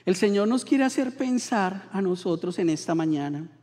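Colombian pastor preaching in a reverberant hall. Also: male voice, sits high, moderate pace. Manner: animated storytelling, acting out voices in quotes. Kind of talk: sermon.

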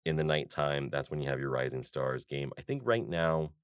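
A man's voice: very deep voice, animated, moderate pace, smooth, no room sound, clean studio sound. A man hosting a podcast, talking through his ideas in a loose, rambling monologue full of fillers and restarts. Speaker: podcast host.

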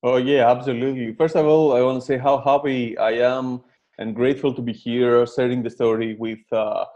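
A man's voice: mid-range voice, dark tone, muffled recording. A man in his thirties from Greece, a guest on a podcast, telling his story with plenty of fillers and restarts and Greek as his first language. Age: 30s. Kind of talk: casual interview.

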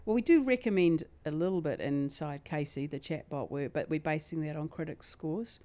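Woman, New Zealand accent, podcast guest, very low voice, chatty, laughs easily. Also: moderate pace, mellow. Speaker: guest from a wine website. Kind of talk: casual interview chat.

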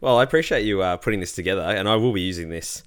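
A man's voice: low-pitched, very fast, a bit bright, slight background noise. An Australian man hosting a podcast, chatting casually as he interviews a guest. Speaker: podcast host.

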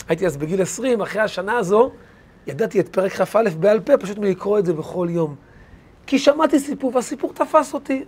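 A man, a rabbi, teaching a lesson through animated anecdotes, with hesitant fillers. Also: high voice, slightly rough. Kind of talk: storytelling lesson.

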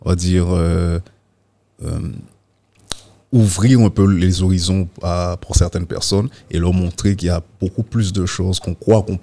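Interview guest: man, deep low voice, halting, full of fillers. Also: fairly even intonation, mellow. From Guadeloupe. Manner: hesitant, many fillers and restarts. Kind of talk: casual interview talk.

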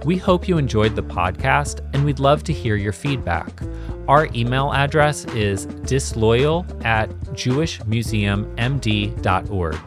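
A man hosting a podcast, asking an interview question and reading a measured scripted outro. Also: medium pitch, animated, music in the background. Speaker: podcast host.

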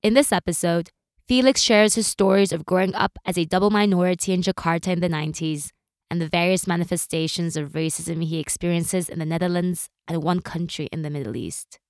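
A woman hosting a podcast, reading a measured scripted introduction. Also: on the low side, steady tone, no echo, studio quality. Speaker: podcast host. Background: soft music.

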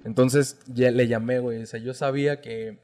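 A Mexican man with an ordinary mid-range voice tells a family story in a relaxed podcast chat. He peppers nearly every phrase with "güey" and draws the tale out in an easy, anecdotal way. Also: mid-range voice, moderate pace. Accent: Mexican Spanish. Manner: anecdotal, says "güey" constantly. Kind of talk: casual chat.

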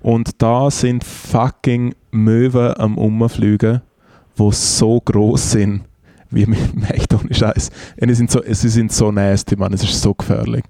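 Rambling Swiss German man, dark voice. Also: fairly low pitch, flat delivery, a little slow, vocal fry, hardly any pauses, no room sound, clean studio sound. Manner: rambling, jokey, searches for words. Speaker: podcast co-host. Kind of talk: casual podcast banter. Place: remote, on the English coast.

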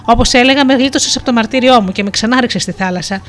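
A melodious, good-natured sea princess in the guise of a talking turtle, as a woman narrator puts her on. She teases gently and speaks with easy warmth. Faint music plays under the storybook reading. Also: fairly high pitch, natural voice. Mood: gentle. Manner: melodious, playful and kind.

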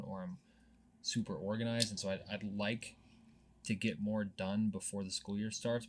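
A young man co-hosting a podcast and chatting casually as a teacher, meandering and hesitant, with many fillers and restarts. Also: on the low side. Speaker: podcast co-host, high school teacher.

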